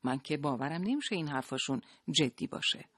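A narrator playing a young wife who is frightened, speaking softly and plaintively, close to the reading voice. The audiobook sound is dry and close. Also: mid-range voice, big pitch swings, breathy edge, no echo.

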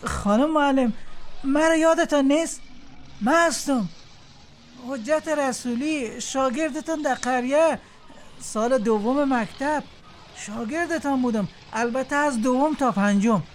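An actor playing a young Afghan Dari driver in a radio drama, blunt at first and then eager and respectful. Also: male voice, very high-pitched, a little hiss or hum. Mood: delighted. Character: young male driver, hasty, then warm former pupil.

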